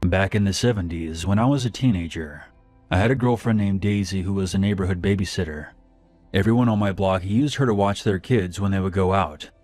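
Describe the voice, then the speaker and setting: A man narrating a first-person horror story in a calm, plain manner. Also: sits low, brisk, dry recording, soft background music.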